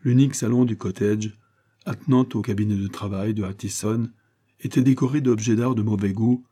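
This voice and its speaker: This audiobook reader is a man with a fairly low voice who reads a classic novel aloud at a moderate pace. His narration stays steady, and he lifts his voice whenever a character speaks.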